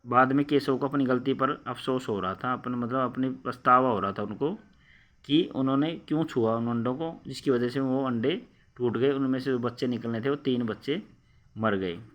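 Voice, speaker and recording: A man's voice: medium pitch, normal speed, lo-fi sound. A man teaching schoolchildren, reading a story line by line and explaining each part again in simple words. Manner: reads a line, then re-explains it in simple words with many fillers. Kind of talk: explaining a story lesson to children.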